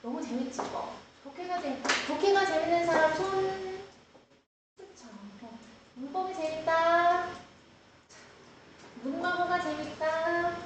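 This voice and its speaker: In an echoey classroom, a high-voiced English teacher gives a lesson slowly, with long pauses, explaining step by step and asking the class questions. The audio is screen-recorded with the mic far away, so it sounds roomy and distant, with background noise.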